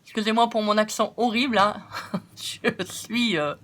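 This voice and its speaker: A woman's voice: mid-range voice, fairly even intonation, a little slow, fairly bright tone. Chatty French woman showing craft supplies. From France. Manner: chatty, laughs often, jokes about herself; thinks aloud with many fillers. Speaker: craft vlogger. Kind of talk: casual haul chat.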